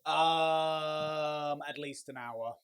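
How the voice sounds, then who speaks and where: A man's voice: on the high side, fairly even intonation, drawn-out words, fairly bright tone, smooth. A man from Britain with a British accent, arguing a comedic sports debate in a sardonic, mock-indignant way. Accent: British English. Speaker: panelist.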